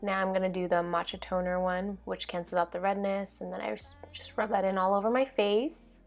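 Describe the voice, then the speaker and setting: Brisk and fairly even in intonation, a young woman with a mid-range voice narrates her makeup routine in a relaxed, chatty vlog style. Background music accompanies her.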